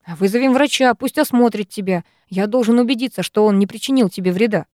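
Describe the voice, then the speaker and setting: Woman voicing a furious young man, commanding, loud, dry close sound. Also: medium pitch, fast, no echo, lightly acted. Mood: forceful.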